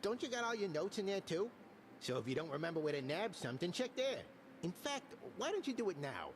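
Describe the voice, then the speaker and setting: A man's voice: sits high, very animated, brisk, slight background noise. An actor playing a seasoned older male mentor in a video game, speaking in wordy, archaic turns mixed with folksy slang. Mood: advising.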